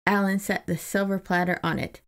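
A woman co-hosting a podcast chats casually about a book and reads passages aloud, sounding amused and enthusiastic. Her voice is mid-range and smooth, with a flat delivery, and she speaks a little fast.

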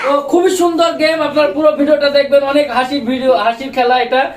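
Fast high-voiced woman hosting a kids' game. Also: reverberant, recorded from a distance. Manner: eager, repetitive cheering and prompting. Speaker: host of a children's prize game. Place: outdoors in a village crowd.

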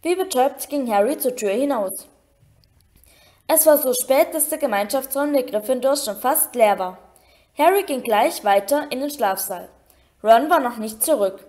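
A woman reading a storybook aloud in an expressive way. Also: high voice, moderate pace. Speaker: audiobook reader.

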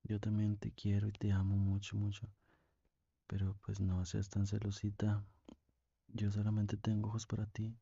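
A young man with a Mexican accent playing a tender, lovesick boyfriend on a call in an ASMR role-play, speaking intimately with pauses. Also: lowish voice, monotone, vocal fry, warm tone, husky, no room sound, highs cut off. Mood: tender, devoted. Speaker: ASMR performer.

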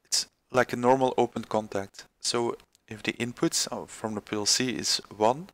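A man presenting a screen-recorded software tutorial, halting with many fillers and restarts. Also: mid-range voice, steady tone, no echo.

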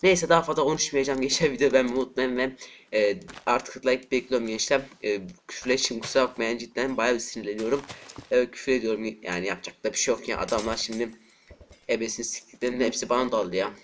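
A man giving frustrated gameplay commentary at his computer, cursing and breaking into shouts, with keyboard clicks behind him. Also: medium pitch, fairly even intonation, fast, slight background noise. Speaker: gaming channel host. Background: keyboard typing and mouse clicks.

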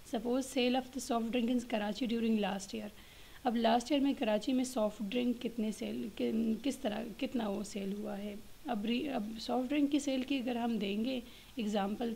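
A woman giving a slide lecture, reading each point slowly and then explaining it with many pauses and fillers. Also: a little high, creaky, warm tone, a little hiss or hum, poor audio. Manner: explains in Hindi-Urdu mixed with English terms, many fillers. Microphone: voice-over on slides.

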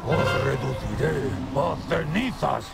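An actor playing a grandiose, commanding dark sorcerer villain in a video game, with a gravelly, theatrical voice. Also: male voice, medium pitch, slow. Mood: menacing, defiant. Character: menacing male dark sorcerer villain serving a master. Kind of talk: video game boss acting. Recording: loud game music over the voice.

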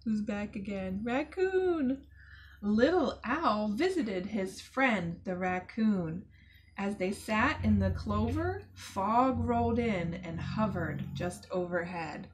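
A woman educator reading a picture book aloud to children, expressive and chatty with asides to the kids. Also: mid-range voice, takes it slowly, hardly any pauses. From United States. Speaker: zoo educator. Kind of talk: children's storytime read-aloud.

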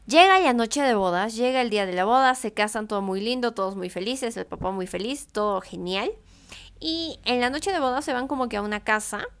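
Brief: young woman, book vlogger, smooth clear voice, slightly high, chatty informal retelling. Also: animated, fairly quick. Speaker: book reviewer. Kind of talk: casual book summary.

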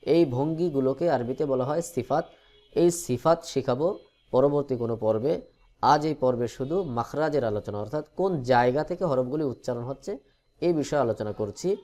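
A man leads a recorded Quran lesson. He explains each letter calmly, with the patience of a teacher, and stretches out the drilled sounds in a steady, mid-range voice. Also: medium pitch, a little fast.

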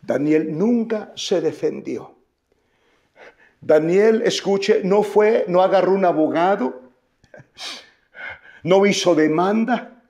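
A US-based male pastor with a high voice preaches a sermon slowly, swelling to loud emotional peaks before dropping to a hush. He keeps repeating "escuche" and "amados hermanos" to the congregation, and the recording has its highs cut off.

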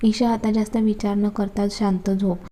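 Stern young husband, curt and scolding, dark low-key tone, flat delivery, read by a woman. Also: normal speed, lightly acted. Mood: soothing.

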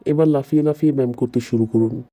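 A woman's voice: rumbling low, fast, warm tone. A woman voicing a stern, bossy male examiner who gives curt commands in a storybook dub.

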